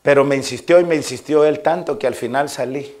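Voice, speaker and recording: A man's voice: mid-range voice, a little fast, darkish tone. A male pastor with a Salvadoran accent preaching a sermon to a congregation, telling homely personal stories and driving home his points with emphasis. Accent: Salvadoran Spanish. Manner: folksy anecdotes addressed to listeners, rising to emphatic preaching.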